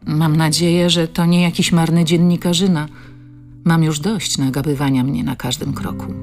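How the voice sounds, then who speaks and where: Basia is a gentle, worried countrywoman in a storybook reading, voiced by a woman narrator. She speaks softly and fondly in a low, warm tone. Faint music sits behind her. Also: fairly even intonation, moderate pace. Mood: weary. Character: village woman Basia, anxious, tender with animals.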